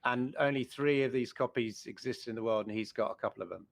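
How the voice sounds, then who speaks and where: A man's voice: medium pitch, fast, creaky, no echo, clean studio sound. A middle-aged man co-hosting a retro gaming show, chatting with enthusiasm and rambling through restarts. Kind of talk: casual chat.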